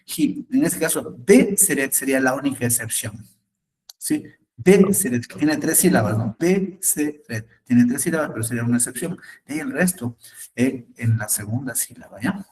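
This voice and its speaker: Patient male English teacher, mid-pitched, repeats and checks in, distant mic. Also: a little mellow. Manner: patient, repeats words slowly, asks "¿no?". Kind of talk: online class, explaining in Spanish.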